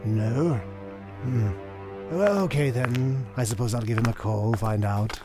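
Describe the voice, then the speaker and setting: An actor playing a theatrical, psychopathic clown crime boss in a motion comic, creaky-voiced and drawling with mock-friendly menace. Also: male voice, medium pitch, takes it slowly, music in the background, natural voice. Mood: taunting. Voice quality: gravelly, creaky.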